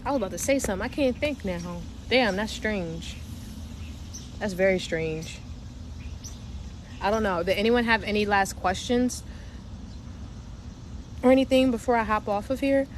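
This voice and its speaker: With a mid-range voice and a moderate pace, a young Delaware host of a spiritual livestream pauses often as she chats casually and profanely, laughing frequently in a slight New York twang. The recording is rough, with steady background noise.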